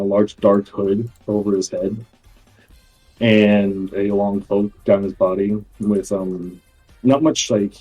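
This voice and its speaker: A man's voice: fairly low pitch, dark tone, rough recording. A man playing in a tabletop game, describing a scene hesitantly with many fillers. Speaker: player.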